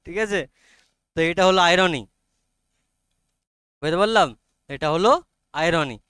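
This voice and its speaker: A male teacher giving a lecture, dictating notes slowly, spelling words out letter by letter and often asking whether students have understood. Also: high voice, a bit bright, clear, resonant tone, no echo, clean studio sound. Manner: checks understanding with frequent questions and spells words aloud letter by letter; dictates notes slowly, correcting himself as he goes. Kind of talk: classroom lecture.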